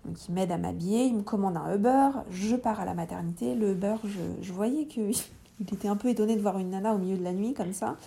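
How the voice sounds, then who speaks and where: A woman's voice: mid-range voice, fairly quick, vocal fry, husky. A woman in her thirties, a podcast guest candidly telling her own story and acting out the dialogue. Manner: lively retelling, acting out dialogue with laughs.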